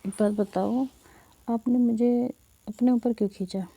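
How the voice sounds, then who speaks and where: A woman's voice: a little high, fairly even intonation, measured pace, creaky, mellow, husky, pitched above the performer's own voice, exaggerated voice. A woman voicing a playful, teasing young woman who coaxes and needles in a storybook reading.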